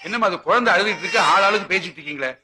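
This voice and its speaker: A short-tempered man of the house. He shouts fast and high with a lot of swing in his voice. A loud film score runs behind. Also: expressive, heavy background noise. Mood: angry. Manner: shouting, berating.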